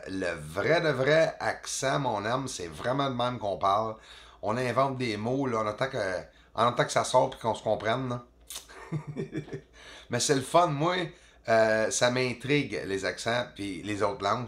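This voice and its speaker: A man whose native language is English, speaking French with a Quebec accent as a channel host, giving casual, animated commentary over video footage. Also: medium pitch, normal speed. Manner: animated, exclaiming, chatty, peppered with filler words.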